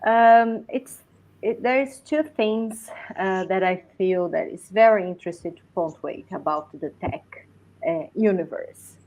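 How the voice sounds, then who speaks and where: A woman's voice: mid-range voice, unhurried, a little mellow, muffled recording. A woman from Brazil with a Brazilian Portuguese accent, a film director who speaks English carefully and searches for her words. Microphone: video call.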